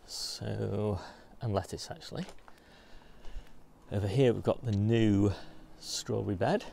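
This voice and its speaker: Man, low and gravelly, relaxed outdoor garden-tour host, faint background noise. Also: slow. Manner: relaxed, informative, pointing things out as he walks. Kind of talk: casual garden tour walkthrough. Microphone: handheld phone camera.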